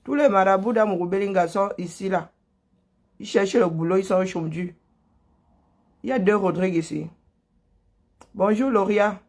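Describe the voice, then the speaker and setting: Live stream host, man from Cameroon, high-pitched, sarcastic, laughs a lot. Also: normal speed, pauses often, darkish tone. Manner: greets viewers by name between political rants. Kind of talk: casual live stream commentary.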